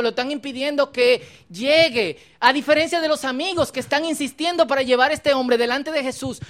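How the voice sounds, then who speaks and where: A preacher gives a lively sermon. The preacher acts out Bible scenes with playful humor, swinging between loud exclaiming and quiet reflection. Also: mid-range voice.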